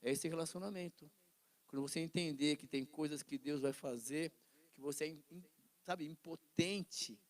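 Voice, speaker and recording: A middle-aged Brazilian man teaching an informal Bible class with a fairly high voice. He retells the stories in a lively way and slips into the voices of the people in them. He often turns to his listeners for a quick nod of agreement. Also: dry recording. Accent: Brazilian Portuguese. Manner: animated storytelling, acts out quoted voices, asks listeners "né?".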